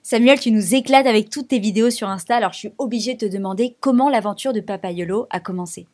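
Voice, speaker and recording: A woman's voice: medium pitch, fast, a little mellow. A woman hosting a live studio interview, upbeat and chatty. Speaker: host.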